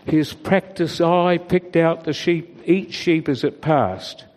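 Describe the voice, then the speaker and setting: A man reading a children's story aloud in a gentle, expressive way. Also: a little high, slow pace. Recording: long reverb.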